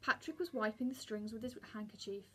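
A woman, a teacher, reading a children's book aloud with steady narration and small slips. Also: mid-range voice, brisk, slightly rough.

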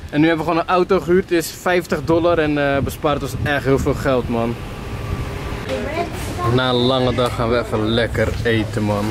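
A man's voice: medium pitch, fairly even intonation, moderate pace, background noise. A young man chatting on a travel vlog, upbeat and casual, often tagging his sentences with "man", filmed on a handheld camera. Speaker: travel vlogger. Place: outdoors and in a parked minivan.

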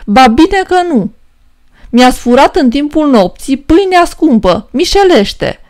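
A woman's voice: high-pitched, big pitch swings, darkish tone. A woman voicing a bold, mocking young male peasant trickster in a storybook reading. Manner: mocking, bold and quick-witted.

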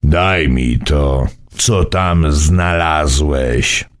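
A man voicing a stern, mysterious old man who speaks low, slow and insistent. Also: heavily acted.

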